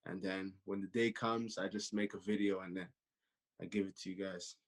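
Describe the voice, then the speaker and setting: This podcast guest, a Canadian in his twenties, has a deep voice with fairly even intonation and talks at normal speed. The interview is relaxed, and he tends to repeat himself and say "you know" a lot.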